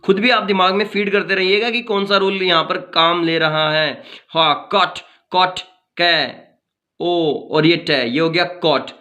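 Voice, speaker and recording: A man teaches phonetics in a bright, forceful voice that sits a little high for a man. He explains step by step, repeats practice words for drilling and drops in English phrases. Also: measured pace. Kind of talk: phonetics lesson.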